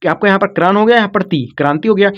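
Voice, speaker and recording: A man's voice: high voice, rapid-fire, highs cut off. A man teaching an online spelling lesson, patiently breaking words into syllables, repeating himself often and checking in with his students. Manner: calls listeners "kids" and "brother", checks in with "okay".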